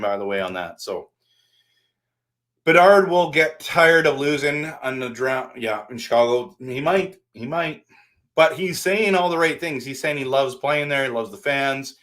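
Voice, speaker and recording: A man's voice: mid-range voice, a bit bright. A man hosting a casual live stream, rambling and answering his viewers by name while standing at his desk.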